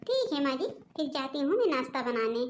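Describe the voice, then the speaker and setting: A woman's voice: sits high, big pitch swings, brisk, slight background noise. A woman voicing a polite, dutiful elder daughter-in-law in a cartoon, speaking in a soothing way.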